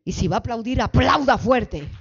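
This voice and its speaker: A woman pastor leading a call-and-response sermon, fervently exhorting the congregation and building to shouts. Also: on the high side, lively intonation, normal speed, vocal fry, slightly rough, highs cut off, faint music behind. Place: church sanctuary.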